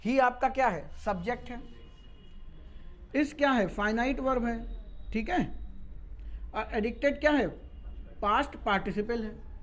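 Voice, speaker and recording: A woman's voice: fairly high pitch, unhurried, long pauses. A woman teaching English grammar in a lecture, scolding and teasing her students. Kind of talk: classroom lecture.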